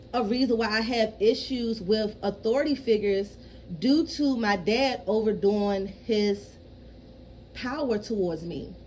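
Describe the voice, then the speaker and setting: A woman in her thirties talks frankly in a casual personal vlog, rambling, swearing freely and repeatedly asking "you know what I mean" to check in with listeners. Her voice has a fairly high pitch, and the audio is poor with slight background noise.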